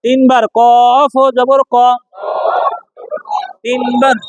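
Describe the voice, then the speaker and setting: Man, Quran reading teacher, classroom drill, repetitive call-and-response, very high-pitched voice. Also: completely flat delivery, gravelly, dry recording. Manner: repetitive, calls out questions, drawn-out chanting of letter names.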